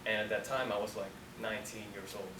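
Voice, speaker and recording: Speaking fast with a fairly low pitch, a man in his twenties from Colombia, who founded a company, gives a relaxed, rambling casual talk to a student audience and says "like" a lot. It's recorded in an echoey university room on a distant mic, with noise.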